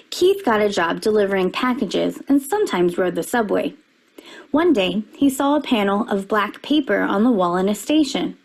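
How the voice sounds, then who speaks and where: A woman reads a children's picture book aloud with a slightly husky voice. Her delivery is expressive, and she lifts her pitch for the characters' quoted lines. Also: poor audio.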